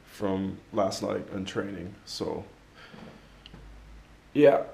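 A man in his twenties chatting casually to the camera at home, sounding tired and low-key, rambling with pauses. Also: creaky, mellow. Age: 20s. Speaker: daily vlogger. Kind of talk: casual vlog chat to camera. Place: home kitchen-living room, indoors. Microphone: camera at arm's length.

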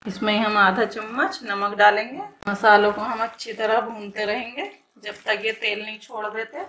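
A woman who hosts a home cooking channel, calmly explaining each step of a recipe as she cooks in her kitchen. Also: mid-range voice, moderate pace, a little hiss or hum. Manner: calm, plain step-by-step explaining with repeated phrases. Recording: echoey kitchen with cooking sizzle. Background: frying sizzle and stirring clicks.

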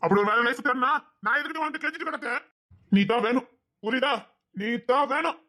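A woman's voice: high voice, pushed and bright. A woman acting an obsessive young man who begs and threatens his beloved, in a web drama. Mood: pleading. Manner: pleading and possessive, fast.

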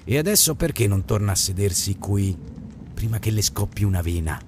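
Gruff old barkeep, low curt deadpan lines, voiced by a man. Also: a little fast, background noise, close to an everyday voice. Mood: dry. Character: gruff old male bar owner, blunt and dry.

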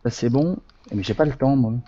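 A man's voice: mid-range voice, a little fast, warm tone, highs cut off. A man in a casual online chat while playing a flight simulator, informal and muttering through his tasks.

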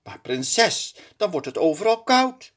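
A man's voice: sits high, sing-song, a little slow, fairly bright tone, pitched above the performer's own voice, exaggerated voice. A man reading a picture book aloud, voicing a polite, anxious palace footman who puffs as he speaks. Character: weary male palace footman, servile.

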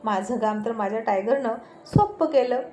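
A woman's voice: fairly high pitch, moderate pace, a little mellow, echoey room, soft background music, natural voice. A woman voicing a confident, affectionate father who stands by his decisions. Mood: jovial.

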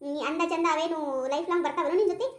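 A woman's voice: very high voice, very fast. A woman voicing a pushy middle-aged aunt who arranged the match, lecturing in a North Karnataka Kannada accent. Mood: coaxing. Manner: coaxing, lecturing. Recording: roomy echo.

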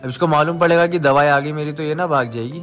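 A young man filming a casual family vlog at home, coaxing children and a pet cat in a playful, gentle way. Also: fairly high pitch, fast talker. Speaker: vlogger filming family pets. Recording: music playing under the voice.

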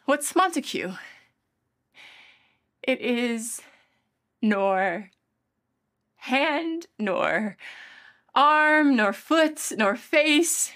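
Woman acting a lovestruck girl in classical stage shakespeare, highish voice, super slow, theatrical, playful and yearning. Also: lively intonation, a bit bright, heavily acted. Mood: reasoning, playful. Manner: theatrical, slow, deliberate pauses, breathy sighs. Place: indoors, dark plain studio, filmed.

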